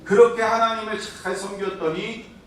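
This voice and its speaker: Brief: high-pitched male pastor, animated storytelling sermon, reverberant hall, mic far off. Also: moderate pace. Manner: lively storytelling, frequent "예?" to the congregation. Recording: echoey church hall from afar.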